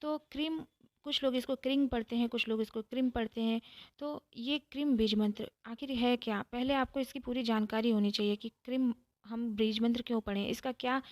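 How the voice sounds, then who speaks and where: A woman giving a calm devotional talk, explaining step by step and repeating phrases for emphasis. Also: on the high side, no echo. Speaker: spiritual teacher.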